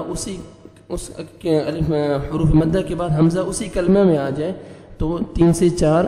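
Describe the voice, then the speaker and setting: A man's voice: a little high, warm tone. Man teaching Quran recitation in an echoey room. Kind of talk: spelling out and reciting verses with tajweed rules.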